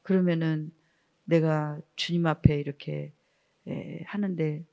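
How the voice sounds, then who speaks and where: A woman's voice: low voice, steady tone, takes it slowly, vocal fry. A woman pastor telling a personal testimony in a sermon, talking earnestly and tossing rhetorical asides to the congregation. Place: church sanctuary. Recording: dull lo-fi church recording.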